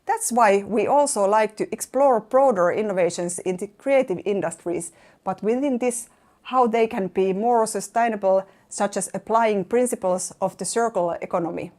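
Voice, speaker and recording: A woman narrating a workshop overview in a measured, formal delivery. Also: mid-range voice, darkish tone. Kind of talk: scripted narration.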